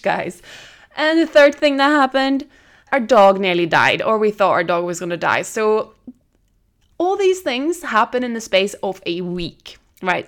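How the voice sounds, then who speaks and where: Woman, solo podcast host, casual chat, gravelly, laughing between phrases. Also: mid-range voice. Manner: chatty, laughs between phrases, restarts often. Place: recording away from home.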